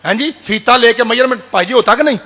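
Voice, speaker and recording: A man preaching a sermon, fiery and addressing the crowd directly, rising to shouts. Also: very high voice. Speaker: preacher at a religious gathering. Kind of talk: sermon with call-and-response. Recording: long hall reverb.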